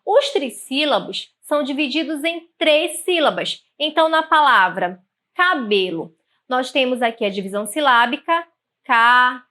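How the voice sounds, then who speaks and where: A woman teacher with a Brazilian Portuguese accent leads an online grammar lesson in a high, bright voice. She speaks in a clear, didactic way and slows down to sound out syllables one by one. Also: expressive.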